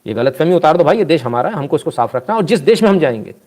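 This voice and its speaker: A man giving casual live commentary, reading out viewer comments and telling anecdotes in an animated, scolding manner. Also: on the high side, very fast.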